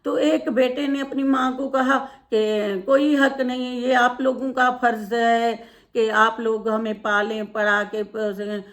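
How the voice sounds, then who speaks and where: A woman telling an earnest moral story, repeating herself often and using many fillers. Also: fairly high pitch. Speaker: devotional storyteller.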